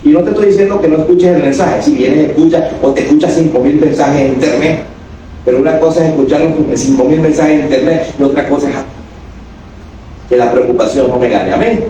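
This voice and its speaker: A man's voice: on the high side, a little fast, dark tone, slight background noise. A male pastor preaching a sermon. He is emphatic and quizzes the congregation with questions. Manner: emphatic, asks the congregation questions and acts out quoted voices. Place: church. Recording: echoey church hall from a distance.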